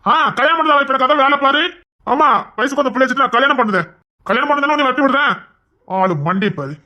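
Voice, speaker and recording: A woman's voice: sits high, fast, sharp tone. A woman voicing a proud, brusque husband in an audio drama, speaking in a grumbling, dismissive way. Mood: gruff, dismissive. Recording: dull lo-fi recording.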